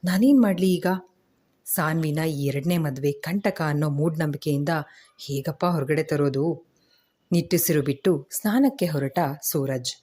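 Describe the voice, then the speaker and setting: A woman narrating a family story in a steady, emotive storytelling style. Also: low-pitched, moderate pace.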